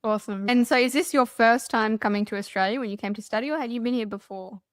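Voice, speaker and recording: A woman's voice: a little high, fast talker, no room sound, studio quality. A woman hosting a podcast, asking questions in a conversational, thoughtful way. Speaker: podcast host. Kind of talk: podcast interview.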